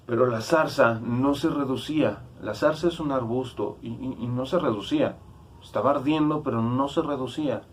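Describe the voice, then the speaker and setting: A man's voice: medium pitch, normal speed. A man with a Mexican accent preaching a casual youth sermon, conversational and slangy, often checking in with listeners. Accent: Mexican Spanish.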